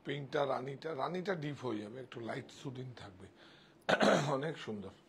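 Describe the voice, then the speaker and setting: A man's voice: medium pitch, expressive, a little fast, fairly bright tone. A man selling saris on a live stream, chatting with viewers and directing helpers off to the side. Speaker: sari seller on a live sale.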